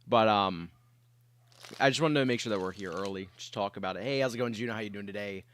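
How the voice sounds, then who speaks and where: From his bedroom, an ill young man talks with stream viewers in a laid-back, rambling way, packed with fillers. His voice is on the low side, fast and a bit bright, interrupted by the odd cough and throat clearing.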